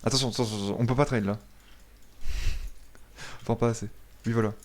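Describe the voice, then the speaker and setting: A man's voice: lowish voice, fairly even intonation, quick pace, slight background noise. A man playing an online game, chatting casually with teammates, teasing and laughing often. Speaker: streamer playing support. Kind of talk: casual gaming chat.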